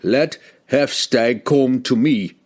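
A man voicing a proud young male barbarian warrior, slow and booming as he proclaims. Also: breathy edge. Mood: defiant.

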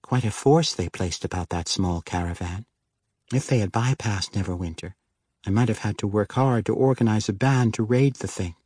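A playful halfling noblewoman full of teasing charm, voiced by a man reading an audiobook. He lifts his naturally deep voice slightly for her, keeping it soft and sly. The sound is dry and close. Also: moderate pace, husky, dry recording. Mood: matter-of-fact. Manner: teasing, lightly raised voice.

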